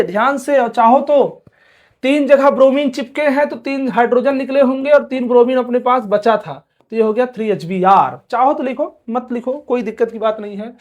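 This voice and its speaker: A male chemistry teacher giving an exam-prep lecture who asks questions aloud, answers them himself, repeats key terms and keeps urging students to pay attention. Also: very high voice. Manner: repeats key terms several times over.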